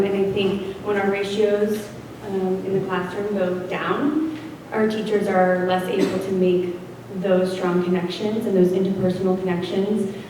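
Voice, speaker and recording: A woman's voice: mid-range voice, mellow. A woman who is a social worker giving an earnest public comment at a town meeting, with many ums. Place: school gym at a town meeting. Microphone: standing floor mic, far camera. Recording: echoey hall from far off with noise.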